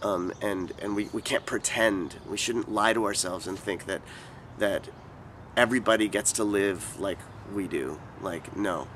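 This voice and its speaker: A man in his forties from California with a fairly low voice, answering interview questions thoughtfully and haltingly, stopping often to restart his sentences. He is recorded outdoors in a city, with clear street noise behind him. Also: a bit bright. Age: 40s. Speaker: interviewee, activist.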